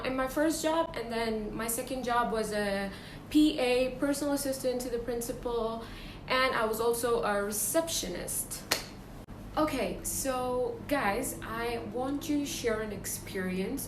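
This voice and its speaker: A woman hosting a casual interview, asking guests chatty questions. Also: fairly high pitch. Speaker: host. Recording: echoey room with faint noise.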